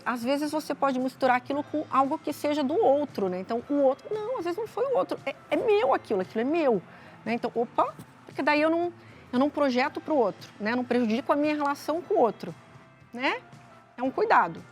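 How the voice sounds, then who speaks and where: A woman with a Brazilian accent, a psychologist guest explaining calmly on a talk show, often adding tag questions. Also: sits high, fast, faint music behind. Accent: Brazilian Portuguese.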